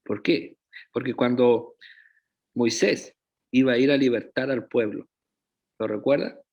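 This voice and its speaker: A man's voice: medium pitch, steady tone, gravelly, a little mellow, lo-fi sound. A man preaching a sermon as pastor, often checking in with the congregation through rhetorical questions. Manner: slow, deliberate preaching with frequent rhetorical check-ins to the congregation.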